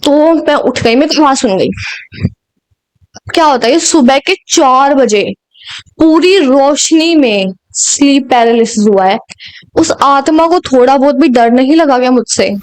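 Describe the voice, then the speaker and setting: A woman's voice: high-pitched, a little slow. A young woman from India telling a personal story in a chatty, dramatic way, slipping into English now and then and often laughing at herself. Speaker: storyteller vlogger. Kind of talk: casual storytime vlog.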